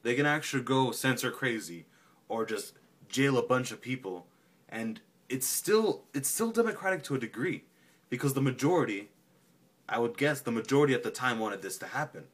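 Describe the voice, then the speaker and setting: A man's voice: medium pitch, lively intonation, normal speed. A man from Canada rambling casually on his vlog, profane and self-mocking. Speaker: vlogger.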